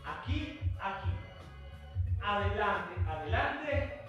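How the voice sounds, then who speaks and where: A man with a Mexican accent leading an exercise class, encouraging students and loudly counting out repetitions. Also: high voice, sing-song, takes it slowly, dull audio. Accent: Mexican Spanish. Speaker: fitness instructor. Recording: echoey room, voice far from mic, faint music.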